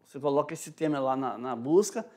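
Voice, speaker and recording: A man's voice: mid-range voice, expressive, brisk, warm tone. A male teacher with a Brazilian Portuguese accent explaining a lesson, checking in often with "tá?" and "né?". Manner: explanatory, frequent "tá?" and "né?" check-ins, demonstrates rhythms aloud. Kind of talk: recorded online class lecture.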